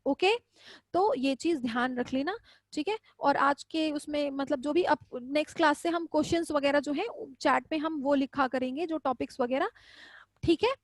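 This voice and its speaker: Speaking at a normal pace, a woman with a high-pitched voice gives a casual Hindi zoology lecture in a live online class. She's affectionate and chatty, regularly restating her students' questions, and the recording is dry.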